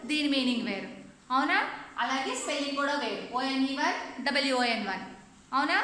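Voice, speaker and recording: A woman teacher with a Telugu accent giving an online English lesson to children, speaking slow, careful English and quicker explanations in between, sometimes spelling words out letter by letter. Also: sits high, bright, forceful tone, echoey room, a little hiss or hum.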